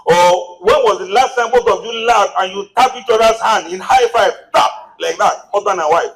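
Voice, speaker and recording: A man with a Nigerian accent giving a motivational marriage seminar, firing off rhetorical questions and rising to lively exclamations. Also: sits high, moderate pace, low-quality recording.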